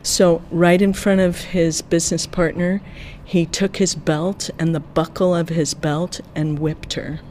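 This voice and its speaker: An interpreter giving a translation voice-over in the first person, in a measured, steady way that often drops quieter. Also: mid-range voice, slight background noise.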